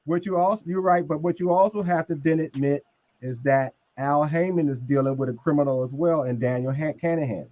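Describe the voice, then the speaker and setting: A man with a high voice presses his argument in a heated group debate and walks through it one step at a time. The sound is dry and close. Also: steady tone, brisk, a little mellow, dry recording, lo-fi sound. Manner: insistent, explains step by step.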